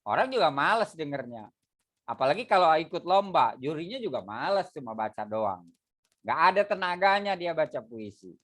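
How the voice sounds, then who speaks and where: A man teaching a poetry reading class. His voice swings widely in pitch as he explains things casually and animatedly, demonstrating sounds and drilling his students. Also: very animated, moderate pace, a bit bright. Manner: casual, explanatory, uses fillers like "gitu ya".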